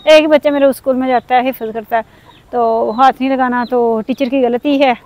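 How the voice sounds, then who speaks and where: High-voiced woman vlogging outdoors. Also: steady tone, normal speed, a little mellow. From Pakistan. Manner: aggrieved and earnest. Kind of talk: casual vlog talk. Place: outdoors in a village.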